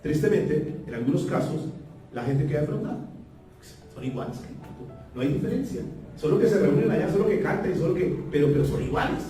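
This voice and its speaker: Pastor preaching in a very echoey hall. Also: male voice, a little high, animated, fast, warm tone, faint music behind. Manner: calls the congregation to repeat after him; emphatic, repeats key phrases. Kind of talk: sermon. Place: church hall. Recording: very echoey room, heard from far off.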